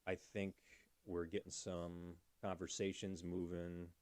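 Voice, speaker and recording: Low-voiced man hosting a livestream. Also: little pitch movement, measured pace, a little mellow, no room sound. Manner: chatty, thanks viewers by name, talks through fixing his audio. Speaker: livestream host. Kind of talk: casual livestream chat.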